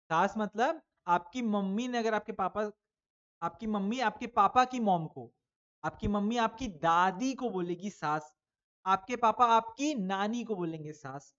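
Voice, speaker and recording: A man teaches a class of children in a relaxed, chatty way, posing questions and answering them himself. His recording sounds a little dull and lo-fi. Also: high-pitched, unhurried. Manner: chatty, addresses pupils as "beta". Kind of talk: online exam-prep lesson for children.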